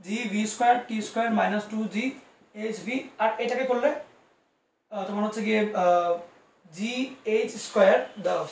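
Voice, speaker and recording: A man's voice: high voice, fairly even intonation, normal speed, creaky, reverberant, recorded from a distance. A man teaching physics in an online class, reassuring his students and coaxing answers out of them with many asides.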